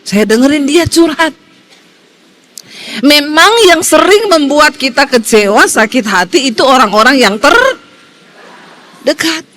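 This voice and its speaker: A woman pastor giving a sermon in a lively storytelling way, swinging between high exclaims and quiet low asides. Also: takes it slowly, long pauses.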